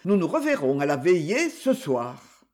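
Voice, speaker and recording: A man doing a gruff, stout old father. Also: wildly swooping pitch, a little slow, a little mellow. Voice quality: deep voice.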